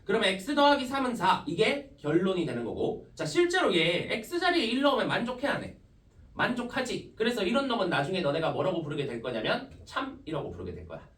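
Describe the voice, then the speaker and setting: Male math teacher, step-by-step explainer with a lively, swooping delivery, recorded from across a roomy classroom. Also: sits high, a little fast. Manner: starts nearly every phrase with "ja", explains step by step. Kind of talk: classroom lecture. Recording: echoey classroom, mic from a distance.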